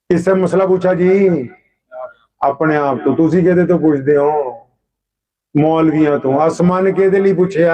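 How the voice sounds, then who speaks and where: A man's voice: a little high, a little mellow, poor audio. A male Islamic preacher, telling a story in a dramatic, impassioned sermon.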